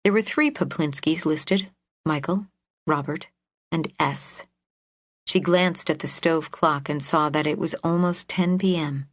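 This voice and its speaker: Woman narrating an audiobook in a low voice. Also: dry recording, clean studio sound. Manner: even, measured storytelling. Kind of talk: scripted narration.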